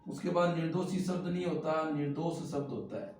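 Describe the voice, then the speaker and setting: A man's voice: a little high, fairly even intonation, a little fast, a little mellow, faint music behind. Hindi teacher man in an echoey room. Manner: explains while writing on a board, repeating words. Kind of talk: spelling lesson for exam students. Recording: very echoey room, mic far off.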